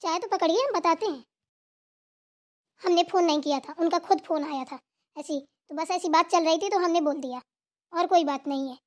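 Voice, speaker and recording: Woman voicing a cartoon wife, high voice, soothing, chatty, rambling. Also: normal speed, long pauses, darkish tone. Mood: explaining. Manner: consoling, rambling complaints. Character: gentle young wife, bhabhi, soothing and chatty. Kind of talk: cartoon voice acting.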